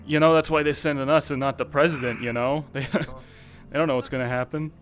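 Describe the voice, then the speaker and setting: A man's voice: on the high side, fairly even intonation, a little fast. A man roleplaying a war reporter in casual, joking in-character chat, rambling with fillers.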